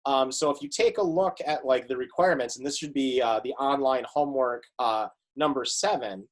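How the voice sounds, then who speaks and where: A man teacher talks students through a poem in a laid-back, easygoing way. He often pauses for small fillers as he explains. His voice sits at an ordinary middle pitch. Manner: casual, filler-heavy, relaxed explaining. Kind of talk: classroom lesson.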